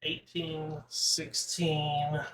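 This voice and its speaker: High, bright-voiced man running a game. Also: completely flat delivery, a little hiss or hum, poor audio. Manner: halting, describes with many fillers. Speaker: game master. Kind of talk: narrating a tabletop game.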